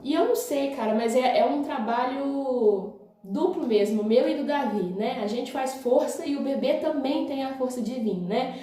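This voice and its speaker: A woman's voice: high voice, normal speed, dark tone. A young woman with a Brazilian accent, telling her own story to viewers in a chatty, casual way. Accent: Brazilian Portuguese. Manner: chatty, often says "gente" and "né", laughs along. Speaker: vlogger. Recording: very echoey room.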